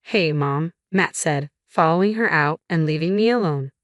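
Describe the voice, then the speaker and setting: A woman reading a first-person family drama story in an even, measured way. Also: low voice, dry recording. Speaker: narrator.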